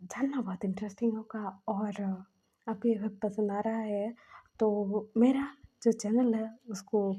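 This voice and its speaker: A woman's voice: mid-range voice, fairly even intonation, measured pace, dark tone, slightly rough. A woman casually retelling a romance fan story, quoting every character in her own voice.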